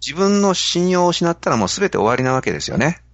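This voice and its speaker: A man's voice: on the high side, big pitch swings, quick pace, dry recording, lo-fi sound. A man with a Kansai accent, hosting a podcast and telling a story to explain a business idea. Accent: Kansai Japanese. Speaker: podcast host. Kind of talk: casual podcast talk.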